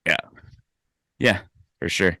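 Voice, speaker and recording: A man's voice: slow pace, bright, forceful tone, no echo, studio quality. A man chatting casually on a podcast, rambling with hesitant restarts and frequent laughs. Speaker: podcast host. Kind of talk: casual chat.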